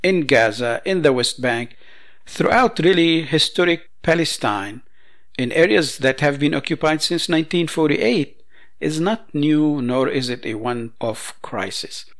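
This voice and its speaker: A man presenting news commentary, reading statements in a measured, emphatic way. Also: fairly high pitch, expressive, fairly bright tone.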